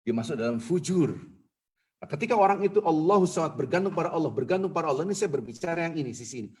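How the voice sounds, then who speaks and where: A male preacher delivering a sermon to his congregation in a mosque. His voice sits on the high side and has a husky, breathy edge. He hammers points home with repetition and softens into hushed pleading for quoted prayers. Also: expressive, fast.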